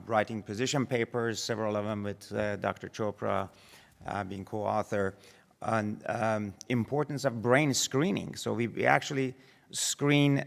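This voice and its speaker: A man moderating a panel in front of an audience, with halting, stop-and-start phrasing. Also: on the low side, creaky, fairly bright tone. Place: large conference hall. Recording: echoey hall with long reverb.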